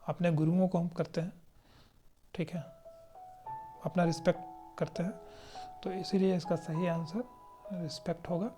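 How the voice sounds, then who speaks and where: A teacher from India gives an exam-prep vocabulary lesson. They explain each word patiently, read definitions aloud slowly and keep checking in with the class. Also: medium pitch, level tone, over music. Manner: explanatory, checks in often with "right?".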